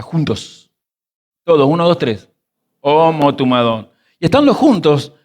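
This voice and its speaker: An animated man, teaching a sermon. His voice sits a little high, and he reads scripture before stretching out key words and quizzing his listeners. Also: vocal fry. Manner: reads verses then explains word roots, quizzes the audience.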